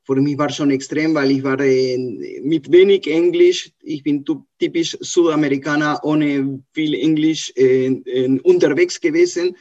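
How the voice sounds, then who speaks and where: A man's voice: a little high, steady tone, measured pace, hardly any pauses. Argentine man speaking over a dull video call. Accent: Argentine Spanish. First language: Spanish. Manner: searching for words, warm and earnest. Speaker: street mime. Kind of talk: interview.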